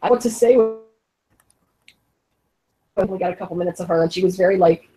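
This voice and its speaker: A woman hosting a podcast who reviews a TV show in casual, halting chat full of restarts. She talks into a headset mic on an online call, and her audio is glitchy and keeps cutting out. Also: fairly low pitch, dark tone, breathy edge, low-quality recording. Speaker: podcast host. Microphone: headphone mic over an online call.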